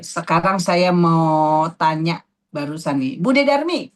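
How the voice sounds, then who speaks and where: A woman teaching a tajwid class, patiently asking students questions and repeating terms slowly. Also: sits low, very animated. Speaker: Quran recitation teacher.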